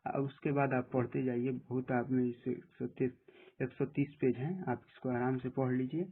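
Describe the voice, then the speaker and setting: Tutorial presenter: husky man, flat delivery, tinny phone-like audio, plain step-by-step walkthrough. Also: mid-range voice, normal speed, a little hiss or hum. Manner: plain step-by-step instructions, often saying "dekhiye". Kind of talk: screen-recorded app tutorial.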